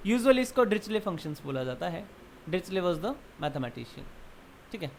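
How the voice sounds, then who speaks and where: A male math lecturer teaching a class, moving between Hindi and English. His pitch swings widely as he asks quick questions and answers them himself. A faint hiss sits under the voice. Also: very animated, vocal fry. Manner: keeps quizzing students with quick check questions; explains step by step, then answers his own questions.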